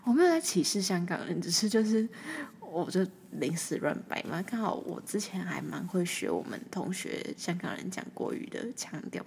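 A young woman with a Taiwanese Mandarin accent hosting her own podcast, talking casually and rambling, often trailing off into a breathy near-whisper. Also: fairly low pitch, very animated, normal speed, a little mellow, a little hiss or hum. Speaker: podcast host. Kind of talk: casual solo monologue.

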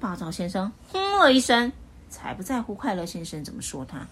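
A woman reading a children's picture book aloud as storyteller, with expressive, lively delivery. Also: lowish voice, brisk, slightly rough.

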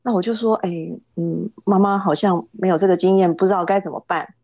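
A woman's voice: medium pitch, steady tone, a little fast, darkish tone, no echo. A middle-aged woman, a podcast guest telling a family story casually, hesitant, often repeating words as she starts.

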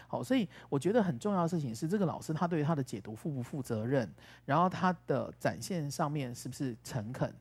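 A man's voice: fairly high pitch, darkish tone, husky. A man, a tarot and astrology teacher, explaining in casual podcast chat and acting out stories. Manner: chatty, tells stories with acted-out quotes.

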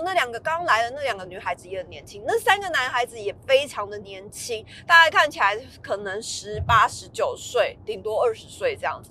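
A woman's voice: high voice, fairly bright tone. A woman, casually telling a story in a vlog, laughing often and acting out the lines she quotes.

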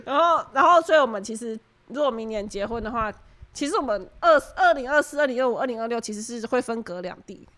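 A woman's voice: fairly high pitch, lively intonation, quick pace, a bit bright. A young woman with a Taiwanese Mandarin accent, co-hosting a podcast in casual chat and telling stories between bursts of laughter. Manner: chatty storyteller, often breaks into laughter. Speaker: podcast co-host.

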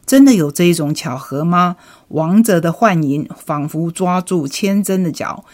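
A woman with a notably low-pitched voice gives book recommendations in a calm, storytelling way. She recounts each novel's premise as if reading a short tale aloud. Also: moderate pace. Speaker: book presenter.

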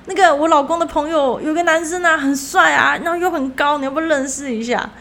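A woman voicing a flustered young female coworker who talks in a rushed, panicky way. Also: high voice, a bit bright, pitched above the performer's own voice. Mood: eager.

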